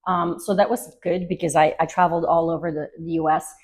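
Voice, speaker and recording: A woman's voice: lowish voice, little pitch movement, brisk, poor audio. A middle-aged woman from Belgium with a slight Belgian accent, chatting casually as an interview guest with many fillers. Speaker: guest, luxury travel advisor.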